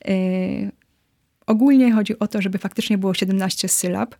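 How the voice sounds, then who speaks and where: A woman's voice: mid-range voice, steady tone, normal speed, dark tone, no echo, clean studio sound. A woman guest expert explaining earnestly in an interview, with frequent hesitations.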